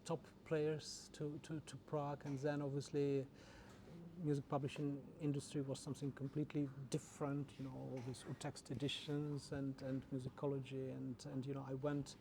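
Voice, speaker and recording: Answering interview questions with frequent halts and repeated words, this orchestra general manager grew up in the Czech Republic. He speaks in a mid-range voice with a completely flat delivery, and the background is noisy.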